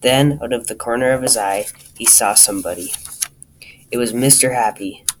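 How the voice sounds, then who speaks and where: A man's voice: mid-range voice, normal speed, a little hiss or hum, rough recording. Man reading a children's storybook aloud. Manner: lively, addresses the listener directly.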